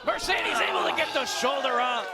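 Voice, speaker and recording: Excited high-pitched male wrestling play-by-play man. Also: a little fast. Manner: excited, clipped play-by-play, often shouting. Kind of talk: live sports commentary. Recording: loud crowd and noise behind. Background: wrestling crowd.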